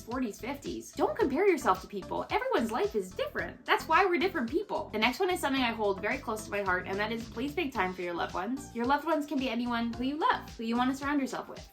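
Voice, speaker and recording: A woman in her twenties from Canada, talking earnestly and casually to camera with lots of "like" fillers as she gives life advice. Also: fairly high pitch. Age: 20s. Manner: chatty and earnest, with frequent "like" fillers. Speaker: lifestyle creator.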